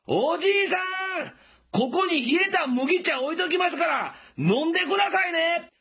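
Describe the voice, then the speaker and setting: A man voicing a passerby who shouts louder and louder to a farmer who cannot hear, in a dull lo-fi recording. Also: very high voice, lively intonation, moderate pace, pitched above the performer's own voice. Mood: shouting kindly.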